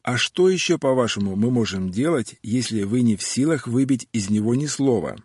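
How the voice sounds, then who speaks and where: A man's voice: medium pitch, expressive, moderate pace, a little mellow, husky, dry recording, clean studio sound. A man voicing a smug, commanding male general in an audiobook. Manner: self-satisfied, commanding.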